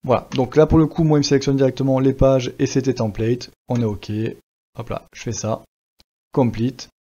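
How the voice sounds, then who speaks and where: Relaxed French man walking through a tutorial. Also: medium pitch, normal speed. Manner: relaxed, chatty, many fillers and restarts. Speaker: WordPress tutorial presenter. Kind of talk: casual screen-recorded tutorial. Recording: slightly dull lo-fi sound.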